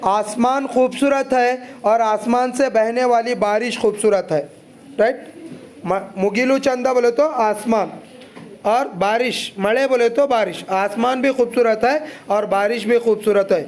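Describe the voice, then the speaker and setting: A man with a very high voice teaches a poem to his students, going through it line by line at a slightly slow pace. He is chatty and loose, breaking off for side remarks along the way.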